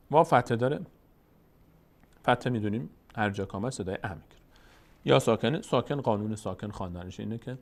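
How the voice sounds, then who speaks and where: Patiently and with lots of repetition, a man guides students through Quran reading one step at a time, posing questions and answering them himself. His voice is lowish and darkish in tone, and he stretches sounds slowly to demonstrate them in this recitation lesson.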